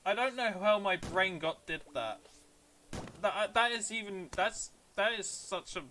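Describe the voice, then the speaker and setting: A man's voice: high voice, unhurried, pushed and bright, slight background noise. A British man streaming a game, chatting casually with viewers in a rambling, self-deprecating way. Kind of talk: casual live-stream chat, answering viewers.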